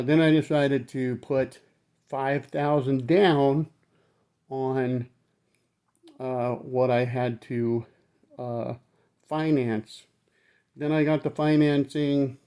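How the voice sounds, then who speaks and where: Male vlogger, mid-pitched, numb-mouthed after dental work; blunt, rambling, casual delivery with frequent swearing. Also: steady tone, slow pace, long pauses, warm tone, clear, resonant tone. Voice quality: numb-mouthed speech from temporary teeth after surgery. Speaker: vlogger recounting his dental surgery. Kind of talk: casual talk to camera.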